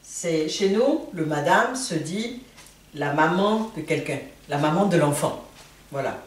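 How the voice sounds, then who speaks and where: An Atchan speaker from Ivory Coast patiently teaches a slow spoken language lesson, going word by word. The voice sits at medium pitch, expressive and a little slow. It's captured on a distant mic in a roomy space with faint ambience.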